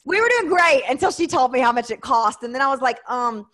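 High-voiced, effusive woman hosting a chat. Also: animated, brisk, fairly bright tone. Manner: effusive, self-joking. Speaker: show host. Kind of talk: casual interview chat.

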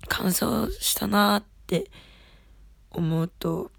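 An idol hosts her own radio show, rambling through casual, self-deprecating solo chat in a raspy, husky voice. She speaks slowly at a medium pitch with big pitch swings, and the recording is dry.

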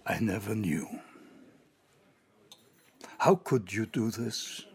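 An actor voicing a shaken man hearing his partner's past, slow and quietly exclamatory, in an audio drama. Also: on the low side, animated, creaky, husky, heavily acted.

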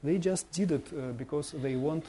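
A man from Russia with a Russian accent gives an informal slideshow talk as a visiting bishop, speaking halting non-native English and searching for words. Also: a little high, warm tone. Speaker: bishop giving a guest presentation.

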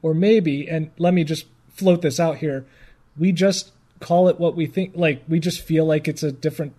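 A man's voice: a little high, steady tone, normal speed, dark tone. A man co-hosting a podcast in casual banter, reading aloud and ranting with mock exasperation. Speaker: podcast co-host.

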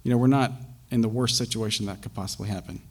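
A young man preaching a sermon, talking in a halting way with frequent fillers and restarts. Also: on the low side, steady tone.

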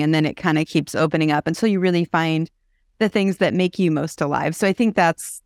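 Woman host, kinda low voice, reflective and encouraging, dry close mic. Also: no echo. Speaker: interview host. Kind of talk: casual conversation.

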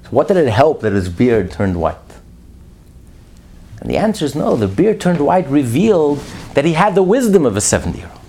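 A man preaching a sermon as a rabbi, emphatic, swinging between loud declarations and hushed asides. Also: fairly high pitch, big pitch swings, moderate pace, slightly rough.

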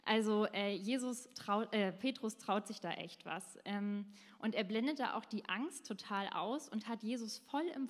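A young adult woman giving a casual devotional talk, chatty, with many fillers and slang. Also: on the high side. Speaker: speaker of a short devotional talk. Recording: long reverb in a hall.

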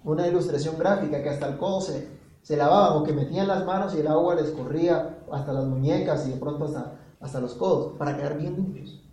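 A man's voice: on the high side, brisk, mellow, echoey room, low-quality recording. A man preaching a sermon, reading verses aloud and putting questions to his listeners.

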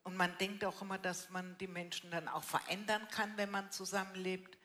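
This older woman's voice is medium-pitched, flat, moderately paced, pushed and bright. Blunt and colloquial, she tells her life story in a casual interview at a live church event with an audience, giving personal testimony and often adding "ne" to her sentences.

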